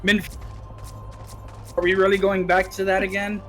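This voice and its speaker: A man's voice: high-pitched, completely flat delivery, moderate pace, fairly bright tone, soft background music. A man bantering with a game streamer over voice chat, making dry, teasing jokes. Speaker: friend on the stream.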